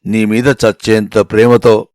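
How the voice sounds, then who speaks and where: A doting young admirer, as a male storyteller puts him on, speaking low and softly and lingering over every tender phrase. The storybook reading sounds close and dry. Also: flat delivery, a little slow, dry recording, close to an everyday voice. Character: young male admirer writing a love letter.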